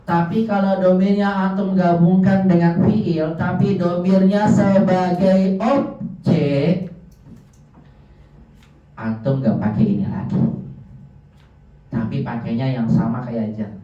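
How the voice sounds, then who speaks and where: Male grammar teacher, lively and quizzing, recorded far from the mic with a dull sound. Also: high-pitched, slow pace, long pauses. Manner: lively, quizzing students with frequent questions. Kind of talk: classroom lesson. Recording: echoey room, distant dull mic.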